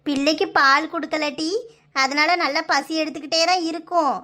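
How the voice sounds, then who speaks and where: In a comic cartoon, a woman plays a chattering village mother with a Kanyakumari accent, her voice pitched very high and sing-song. She fusses and gives orders in a quick, homely way. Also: fairly even intonation, sharp tone. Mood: caring. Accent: Kanyakumari Tamil. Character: fussy older village mother, doting and bossy. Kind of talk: cartoon comedy voice acting.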